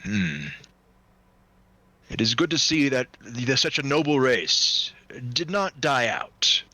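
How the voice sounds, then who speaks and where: A man voicing a solemn, formal male leader in a tabletop role-play, speaking in a measured, courteous way. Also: mid-range voice, sing-song, pushed and bright, dry recording, full character voice.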